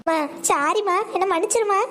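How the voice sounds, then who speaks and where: A woman playing an earnest grown son in a cartoon skit, in a very high voice. He questions his mother and then pleads with her apologetically. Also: brisk, a bit bright, a little hiss or hum. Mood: apologetic.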